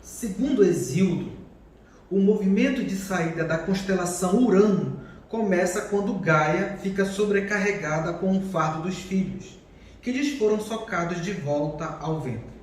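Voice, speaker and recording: Male storyteller, slightly high voice, deliberate pacing, booming echo from far off. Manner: slow, measured, with stretched emphases. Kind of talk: mythological storytelling narration. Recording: very echoey room, distant mic, faint noise.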